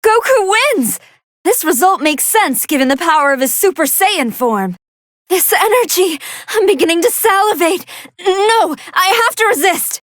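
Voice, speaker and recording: Brainy anime android scientist girl calling fights, high voice, polite n excitable, super articulate, dry close sound. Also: normal speed, no room sound. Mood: excited, admiring, then distressed, pleading. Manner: articulate, earnest, formal scholarly phrasing. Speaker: fight commentator. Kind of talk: anime video game commentary.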